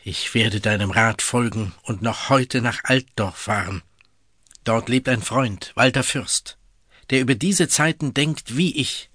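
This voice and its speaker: A man voicing a respected, wise farmer who answers respectfully and in measured words in a storybook reading. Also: medium pitch, fairly bright tone, no echo, clean studio sound. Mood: earnest. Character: respected wise male farmer, humble, cautious.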